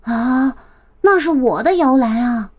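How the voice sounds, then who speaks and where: A woman voicing a small boy jealous of his new baby sister, pouting and whiny, sometimes bursting out loudly, in a children's storybook reading. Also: high voice, expressive, slow, breathy edge, full character voice. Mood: sulky.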